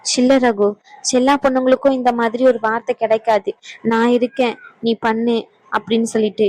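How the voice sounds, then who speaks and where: An actress playing a troubled young married woman who speaks softly and earnestly. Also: a little high, little pitch movement, a little fast, no echo, close to an everyday voice, poor audio. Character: sad young married woman, hurt and doubting. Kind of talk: family drama acting.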